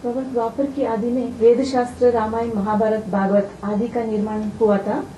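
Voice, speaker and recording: A woman's voice: a little high, flat delivery, normal speed, dark tone. A woman attending a spiritual class, asking the teacher short, respectful questions. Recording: distant, echoey, faint hiss.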